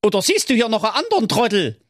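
A shrill, pompous little sausage king barks orders and insults in a storybook tale. His voice sits very high and leaps all over the place. The recording is close and dry. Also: wildly swooping pitch, racing, no room sound, full character voice. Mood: bossy, gleeful. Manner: brash, bossy, insulting.

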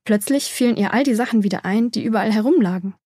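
Breathy woman reading a children's story. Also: fairly high pitch, fast, a little mellow, no room sound, clean studio sound. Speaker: audiobook narrator. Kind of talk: scripted children's story narration.

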